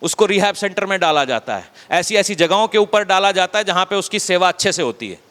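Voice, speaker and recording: A man preaching a sermon as a pastor, talking conversationally and dropping his voice low to stress a point. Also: animated, a little fast, a bit bright, long reverb tail. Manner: conversational preaching, acts out quotes, drops low for emphasis. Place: church hall.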